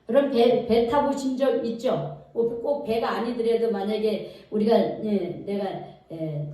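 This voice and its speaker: A woman's voice: fairly high pitch, unhurried, warm tone. A woman preacher giving a sermon, telling a story vividly and quizzing the congregation as she goes. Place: church sanctuary. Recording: echoey hall, mic from far off.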